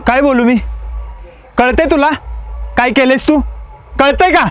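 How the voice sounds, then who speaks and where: An actor with a very high-pitched, unhurried voice plays Akash, a tense young man who snaps insults at his partner. He comes across as hot-tempered and insulting before softening.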